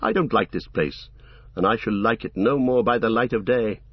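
A man voicing a poised, wary male elf archer in a lighter, measured voice. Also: fairly low pitch, husky, no echo, dull audio.

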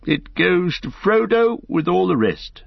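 A man putting on a fussy, excitable old hobbit who flutters high and swoops about in his speech, with a husky, gravelly edge underneath. He talks in eager, breathless bursts. The storybook recording is dry and a little dull. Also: measured pace, no room sound, heavily acted. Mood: rueful.

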